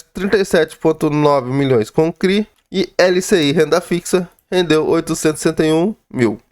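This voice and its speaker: A man's voice: on the high side, a little mellow. A Brazilian man with a sore throat and a head cold, slightly slurred in diction, giving informal commentary on a financial report as a video host. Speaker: YouTube host reviewing real-estate funds.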